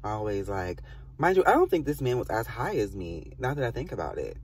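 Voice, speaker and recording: A man's voice: medium pitch, wildly swooping pitch, quick pace, distant mic, slight background noise. A man telling a storytime to his viewers in a casual, rambling and profane way, full of fillers and asides. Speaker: vlogger.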